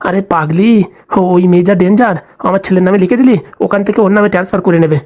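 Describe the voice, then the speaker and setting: Woman doing a stingy stubborn husband, lowish voice, grumbles and wheedles really fast. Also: darkish tone, natural voice. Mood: grumbling. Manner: grumbling, wheedling, rapid talk. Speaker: comedy skit actor. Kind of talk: comedy skit acting.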